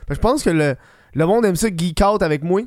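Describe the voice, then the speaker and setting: A man's voice: high-pitched, expressive, fairly quick, no echo, clean studio sound. A man with a Quebec French accent hosting a solo podcast in casual, slangy chat, swearing freely and dropping English slang into his French.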